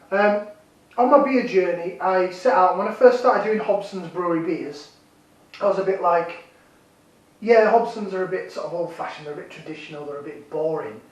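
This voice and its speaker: Far from the microphone in an echoey room, a Yorkshireman reviews beer in a relaxed vlog, his high-sitting voice captured with dull audio. His manner is chatty, full of jokes and self-deprecation.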